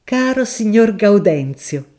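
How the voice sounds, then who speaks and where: A woman's voice: medium pitch, sing-song, takes it slowly, dark tone, pitched above the performer's own voice. A woman voicing a mild, modest, bookish male professor, with a raised, polite and bashful manner. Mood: polite, cheerful.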